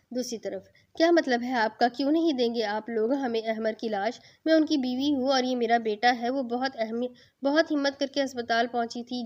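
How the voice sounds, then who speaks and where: A woman reading a romance novel aloud in a steady storytelling manner. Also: fairly high pitch. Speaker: novel reader. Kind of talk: Urdu novel narration. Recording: dull lo-fi.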